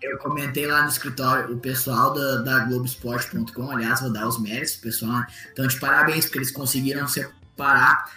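A man's voice: mid-range voice, steady tone, brisk, hardly any pauses, bright, forceful tone, faint music behind. A man, co-hosting a casual sports chat in a blunt, sarcastic way and swearing freely. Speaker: podcast co-host. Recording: roomy echo.

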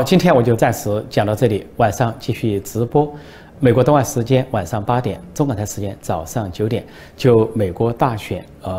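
A man from China hosting a political commentary show, with a fairly low voice. His tone is mellow and soft rather than bright. He explains things step by step and slips jokes into his talk as little stories. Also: slight background noise. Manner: explanatory, tells jokes as anecdotes. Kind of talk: commentary livestream.

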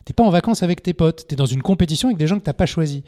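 A middle-aged man, a former poker TV presenter, talking casually as a podcast guest and acting out anecdotes with lively energy. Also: a little high, very fast. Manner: animated storyteller, acts out scenes in shouts.

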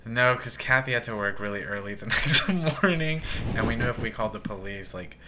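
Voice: medium pitch, fairly quick, background noise. A young adult talking in slangy, casual chat with friends.

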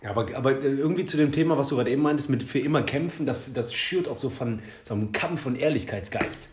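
A man's voice: medium pitch, fast talker, background noise. Male comic, podcast co-host, chatty storyteller, roomy echo. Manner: rambling storyteller, quotes people. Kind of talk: casual chat.

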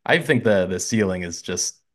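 This is an American man co-hosting a relaxed sports podcast. His voice sits very low and deep. He sounds upbeat as he keeps the chat moving with questions. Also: moderate pace. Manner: upbeat, asks questions and reads the show's segment links. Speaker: podcast co-host. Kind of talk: casual football podcast chat.

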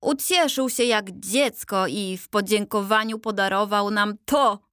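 A woman doing a kindly old gentleman statue. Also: mid-range voice, steady tone, unhurried, dry recording, clean studio sound, natural voice. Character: old gentleman statue of a statesman, calm, wise.

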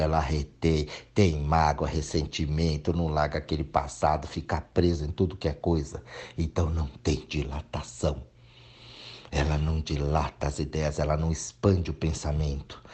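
A man's voice: rumbling low, dark tone, slightly rough. A man giving a blunt, crude, emphatic monologue. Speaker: speaker. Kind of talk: opinionated monologue.

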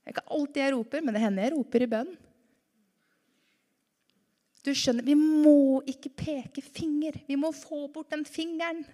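A woman preaching a lively sermon to her congregation, full of rhetorical questions. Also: sits high, long pauses. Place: church hall. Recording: reverberant church hall.

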